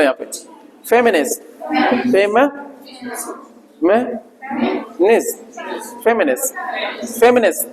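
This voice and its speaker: A male teacher giving a vocabulary lesson, repeating each word slowly for pronunciation and often adding quick check-in tags. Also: very high voice. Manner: peppers speech with "isn't it" tags. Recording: long hall reverb.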